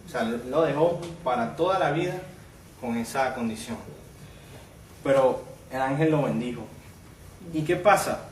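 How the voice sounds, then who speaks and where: A man's voice: medium pitch, a little slow, long pauses, echoey room, far from the mic, slight background noise. A man preaching a sermon as pastor, reading scripture aloud with rising emphasis and asking the congregation rhetorical questions. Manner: asks the congregation rhetorical questions and calls them brother.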